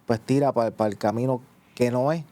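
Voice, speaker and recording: A man with a Puerto Rican accent telling his personal testimony, halting and filling with "eh" and "pues". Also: mid-range voice, warm tone. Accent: Puerto Rican Spanish. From Puerto Rico. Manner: halting, many "eh" and "pues" restarts. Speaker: guest giving testimony.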